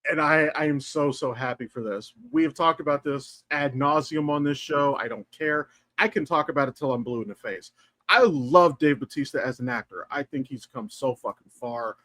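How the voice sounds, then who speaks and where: A man co-hosting a casual podcast, talking in an animated, profane way that jumps up in pitch when he gets excited. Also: normal speed, dry recording. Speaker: podcast co-host.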